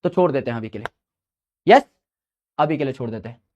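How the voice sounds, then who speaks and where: A man's voice: mid-range voice, expressive, fairly quick, a little mellow. A young man teaching a live online biology class, giving study advice in a chatty way and mixing in English phrases. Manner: chatty, mixes Hindi with English phrases, calls students brother.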